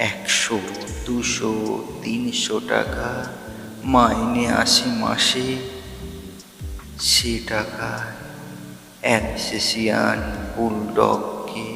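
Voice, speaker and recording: Man reciting poetry, very slow and measured, lowish voice, long reverb, soft music behind. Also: vocal fry. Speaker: poet reciting his own poem. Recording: echoey room with long reverb and faint music.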